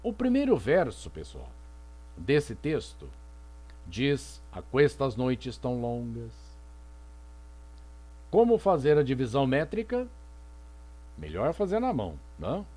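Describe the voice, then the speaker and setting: A man's voice: mid-range voice, wildly swooping pitch, mellow. A male literature teacher giving a recorded lecture, reading poems aloud and posing rhetorical questions that he then answers. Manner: didactic, asks rhetorical questions and answers them; reads poetry aloud slowly.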